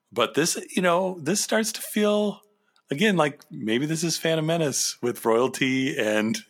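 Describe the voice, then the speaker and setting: Male podcast host, lowish voice, relaxed conversational delivery for pop-culture chat.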